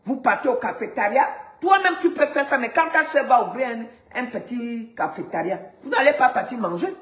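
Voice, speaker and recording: A woman from Gabon, an activist vlogger, delivers a heated, indignant rant in an echoey room, repeating words when she gets stuck. Her voice is fairly high, animated, and at normal speed.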